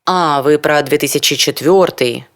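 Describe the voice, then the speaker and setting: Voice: medium pitch, normal speed, fairly bright tone, close to an everyday voice. A reader putting on a suspicious young city guy. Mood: distrustful. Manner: Russian-speaking, distrustful, blunt. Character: young Kyiv man, headphones around his neck, suspicious.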